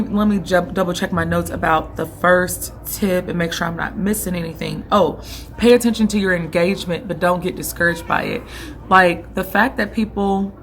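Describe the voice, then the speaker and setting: A young woman whose hoarse voice is giving out offers casual vlog tips on running an online boutique. She coaches directly and keeps checking in with the listener. Her voice sits lowish with a fairly bright tone.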